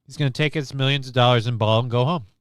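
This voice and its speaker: A man's voice: medium pitch, quick pace, clean tone, dry recording, studio quality. A man co-hosting a casual chat show, rambling and sarcastic, with plenty of swearing. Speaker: co-host.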